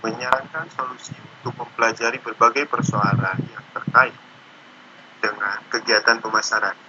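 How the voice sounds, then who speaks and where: A man's voice: mid-range voice, normal speed, dull audio, noisy background. A man reading a presentation aloud over an online call, his audio breaking up. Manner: steady, reads out lists.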